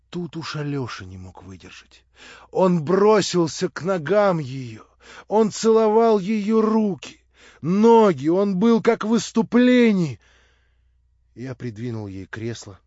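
A man reading a novel aloud as an audiobook, in measured, calm narration. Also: fairly high pitch, dry recording. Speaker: audiobook reader. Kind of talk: scripted narration. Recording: dull dry lo-fi recording.

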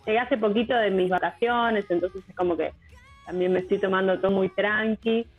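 A woman in her thirties with an Argentine accent, a musician guest talking in a relaxed, hesitant way with many fillers. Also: mid-range voice, normal speed. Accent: Argentine Rioplatense. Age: 30s. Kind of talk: casual radio interview. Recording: tinny phone line with music bed.

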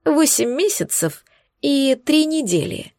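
Woman narrator voicing a warm-hearted, sly demoness, calm and teasing, dry studio read. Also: sits high, takes it slowly, no echo, voice pushed up, exaggerated voice. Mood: reassuring.

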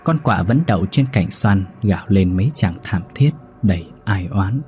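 A male storyteller narrating a ghost story in a measured, somber way. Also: sits low, expressive, a little mellow.

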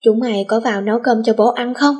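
A woman's voice: a little high, fairly even intonation, quick pace, darkish tone, lightly acted. A woman doing an aloof boy playing emperor. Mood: mock-regal. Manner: mock-regal, gruff commands.

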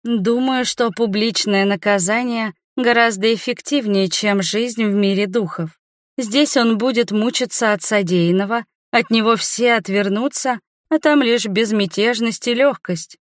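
A woman voicing a calm, wise middle-aged mother in an audiobook, measured and soothing. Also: fairly high pitch, no room sound, studio quality, pitched above the performer's own voice, natural voice.

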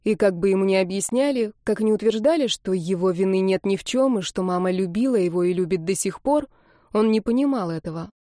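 A woman narrating an audiobook in a steady, dramatic storytelling manner. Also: medium pitch, brisk, no room sound, clean studio sound. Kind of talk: scripted narration.

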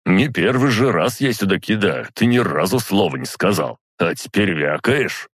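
A man's voice: low voice, expressive, normal speed, breathy edge, no echo, clean studio sound, voice pushed up. A man voicing a boorish male neighbor in his fifties, sneering and coarse in his speech. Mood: mocking. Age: 50s. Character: boorish middle-aged male neighbor, mocking and rude.

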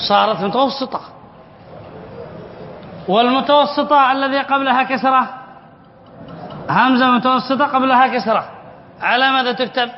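A man with a very high voice teaches a class as a sheikh, reading lines from a text and explaining them with many repeated examples. He asks the class a question, then answers it himself. The recording is dull and muffled, with a long echo and a faint hiss. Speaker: sheikh teaching Arabic spelling rules.

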